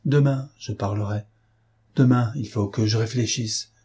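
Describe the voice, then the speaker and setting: A man's voice: on the low side, a little slow, warm tone, breathy edge. A man reading an audiobook, voicing a shaken old male witness who hesitates and repeats himself. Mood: stubborn.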